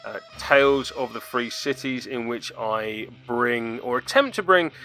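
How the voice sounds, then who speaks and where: A man with a mid-range, sharp-toned voice hosts a web series about tabletop games. His commentary is jokey and self-deprecating, full of theatrical turns of phrase.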